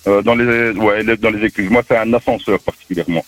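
Man, Belgian French accent, radio caller, low voice, quick, friendly. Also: fairly even intonation, soft background music. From Wallonia, Belgium.

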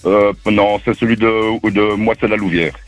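A man's voice: fairly low pitch, steady tone, unhurried, faint music behind. A man from Wallonia with a Belgian French accent, calling in to a radio show and explaining his work in a friendly way. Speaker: caller.

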